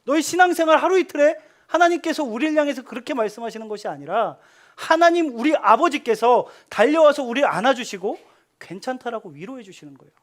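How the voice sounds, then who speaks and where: A male pastor giving a sermon to a youth congregation, telling stories in an animated way and often dropping to a hushed, tender voice. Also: very high voice, fast talker. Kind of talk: sermon to teenagers.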